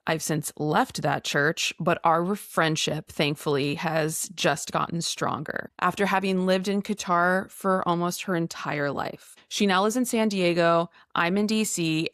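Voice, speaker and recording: Young woman podcast host, chatty and easygoing, lowish voice, dry close mic. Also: fairly even intonation, a bit bright, no echo. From grew up abroad in the Middle East. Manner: chatty, laughing, quick asides. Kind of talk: casual chat.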